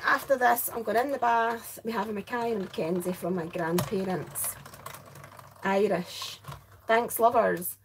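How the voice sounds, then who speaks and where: Recorded through an overhead camera over her craft desk, this Scottish livestream host sounds tired and middle-aged, with a creaky mid-range voice. The recording is rough with a bit of hiss or hum. She chats casually while crafting, answers viewers, wanders off topic and cuts herself off.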